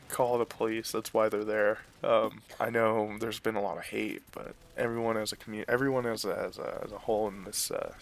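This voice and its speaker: A man with a lowish, creaky, slightly bright voice casually tells his viewers a personal story, and the recording carries a little hiss or hum. He is blunt and boastful, rambling and swearing, full of fillers and restarts, and chuckles between lines.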